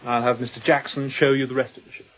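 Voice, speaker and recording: In a radio drama, a young adult male actor plays a composed, courteous young sea captain, speaking politely and measuredly with quiet authority. His mid-range voice stays level, the acting is light, and the mood feels probing and smooth. The audio sounds dull.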